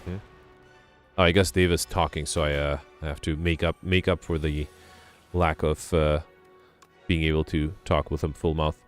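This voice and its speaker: A man's voice: extremely low pitch, level tone, moderate pace, soft background music. A man chatting casually while playing a co-op game, thinking aloud with frequent hesitations and ums. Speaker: streamer playing co-op. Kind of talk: casual gameplay chat.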